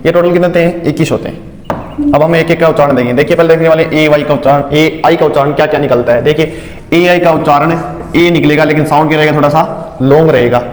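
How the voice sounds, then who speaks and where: A man teaching English vowel sounds in a phonics lesson, asking questions and answering them himself, spelling words out slowly letter by letter. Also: on the high side. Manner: asks and answers his own questions. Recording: echoey room with long reverb.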